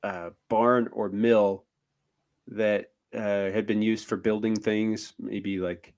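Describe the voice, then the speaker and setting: A man's voice: lowish voice, flat delivery, takes it slowly, darkish tone. A man co-hosting a podcast in casual chat, hesitant, with many ums and uhs. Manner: hesitant, lots of fillers. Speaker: podcast co-host.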